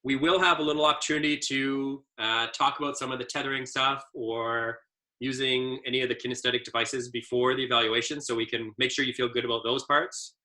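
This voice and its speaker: A man's voice: medium pitch, steady tone, brisk, sharp tone. A man, an adaptive ski instructor trainer, giving a casual training presentation as an easygoing storyteller with many fillers.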